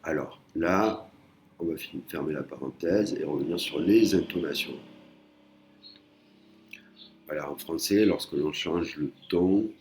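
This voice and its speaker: A man's voice: very deep voice, a little slow, pauses often, slight background noise. A man teaching a language lesson, patient and explanatory, often repeating and rephrasing himself. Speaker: Thai teacher.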